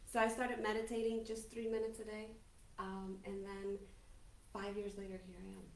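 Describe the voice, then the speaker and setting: Speaking at a normal speed with a medium-pitched, monotone voice, a business owner in her forties from Colombia, whose first language is Spanish, recounts her life as a podcast guest. Her manner in this casual interview is chatty, cheerful, and confident. The mic sits far away, giving a roomy sound with faint hiss.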